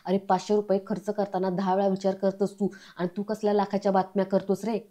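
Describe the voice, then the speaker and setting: A woman reading the lines of an angry young man who accuses his friend over missing money, in a flat, mellow voice. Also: medium pitch, fast, close to an everyday voice. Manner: accusing, heated.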